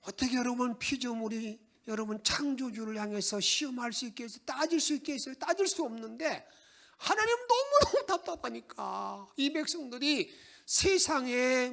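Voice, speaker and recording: A male pastor preaching a Sunday sermon in church, animated, with dramatic soft asides. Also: extremely high pitch, creaky. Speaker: pastor, bishop. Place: church sanctuary.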